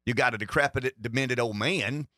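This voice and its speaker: A man's voice: medium pitch, moderate pace, pushed and bright, dry recording, clean studio sound. A man hosting a political talk radio show, giving opinionated commentary and often repeating words as he starts a thought.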